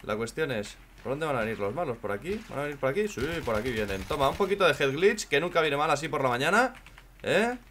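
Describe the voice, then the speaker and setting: A man from with a hoarse voice, commenting on his own gameplay in casual chat, joking and swearing a lot. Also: a little high, lively intonation, fast, a little hiss or hum. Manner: swears a lot and jokes, shouts when in danger.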